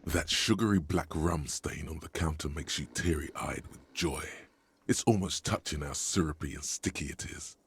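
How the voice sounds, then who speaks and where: Super deep gravelly husky narrator in a game, wry and slow. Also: male voice, full character voice.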